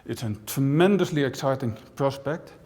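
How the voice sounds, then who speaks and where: A man's voice: mid-range voice, normal speed. Dutch-raised man lecturing in a big hall. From Netherlands. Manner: lively, conversational, with dry jokes and frequent "right?". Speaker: university professor and speaker. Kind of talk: conference talk to an audience. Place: large auditorium. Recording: long hall reverb from a large auditorium.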